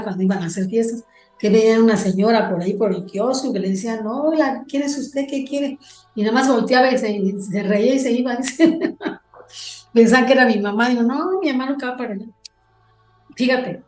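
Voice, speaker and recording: A fairly high-voiced woman tells a ghost story to her podcast hosts. She tells it with animation and acts out every line of dialogue she quotes, and her voice rings in an echoey room. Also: darkish tone. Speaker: guest.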